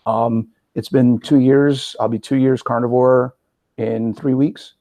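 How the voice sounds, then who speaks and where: A man in his forties hosting a casual interview as a coach, talking in an energetic, conversational way with frequent "right?" asides. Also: medium pitch, measured pace. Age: 40s. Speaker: podcast host and metabolic coach.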